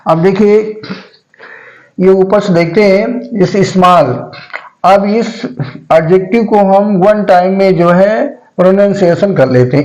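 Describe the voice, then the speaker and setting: A male teacher giving a grammar lesson, saying each word slowly and repeating it several times so students can follow. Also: high-pitched, a little mellow, lo-fi sound.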